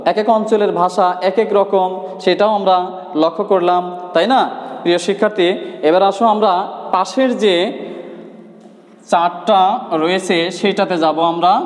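High-voiced male teacher in an echoey room. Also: steady tone, unhurried, pauses often. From Bangladesh. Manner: repeats key points and quizzes students rhetorically. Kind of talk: classroom grammar lesson. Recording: echoey room with long reverb.

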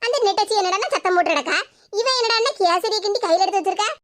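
A woman voicing a nosy, sharp-tongued older village neighbour in a cartoon, speaking with a Tirunelveli Tamil accent. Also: very high voice, racing. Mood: gossiping. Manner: scolding, gossiping, sharp-tongued. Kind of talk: cartoon voice acting.

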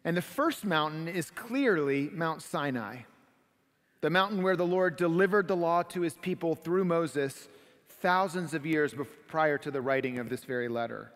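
A middle-aged man preaching a sermon from a church pulpit, explaining the text calmly and building to dramatic swells as he describes vivid scenes. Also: on the high side, normal speed. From United States. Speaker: pastor. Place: church stage behind a wooden pulpit. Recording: long hall reverb of a sanctuary.

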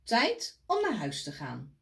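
A woman voicing a calm crocodile friend in a picture book, patiently explaining things. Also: on the high side, takes it slowly, gravelly, full character voice. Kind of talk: picture book read aloud.

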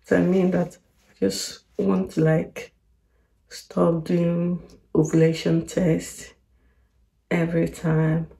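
A woman's voice: on the low side, level tone, takes it slowly, creaky, long pauses, mellow. A young woman just out of bed with a morning voice, talking candidly to her camera at home in a worried but hopeful way. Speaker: vlogger. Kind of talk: casual vlog to camera.

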